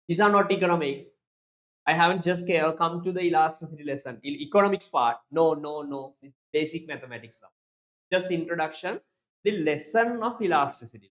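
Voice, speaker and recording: Brief: Sri male economics teacher, slightly raised pitch, drills terms and quizzes students. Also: a bit bright. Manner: repetitive, drilling key terms and questioning students. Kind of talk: online class lecture.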